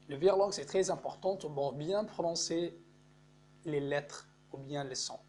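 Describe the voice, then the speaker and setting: A man whose first language is Arabic, teaching French pronunciation in a slow, explanatory lesson, repeating words and checking in often. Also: a little high, a little mellow. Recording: faint mains hum.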